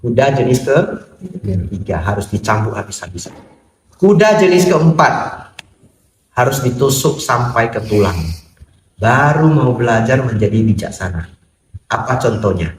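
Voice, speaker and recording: A man giving a Buddhist dharma talk as a monk, humorous and lively, often acting out exchanges with people who come to see him. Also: medium pitch, moderate pace, pauses often, slight background noise. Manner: humorous, acts out dialogues with visitors. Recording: echoey hall, mic at a distance.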